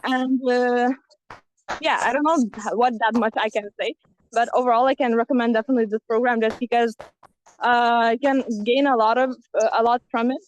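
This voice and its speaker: A woman's voice: on the high side, fairly even intonation, normal speed, a little hiss or hum. A young woman from Lithuania, a student ambassador, giving a hesitant, apologetic testimony over a phone video call. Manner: hesitant, apologetic, many fillers. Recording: dull lo-fi call audio.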